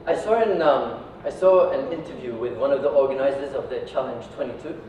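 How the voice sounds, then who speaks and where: With a warm, medium-pitched voice and a slightly fast pace, an Iraqi company founder talks casually to an audience, often adding "right?" or "yeah?" to check in. A distant mic in an echoey indoor venue leaves the audio dull, with faint noise underneath.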